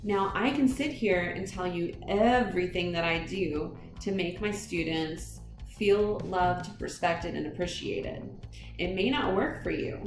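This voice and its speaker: A high school English teacher offers fellow teachers earnest, direct advice on classroom management, speaking to the listener as a colleague. Music plays underneath in an echoey room.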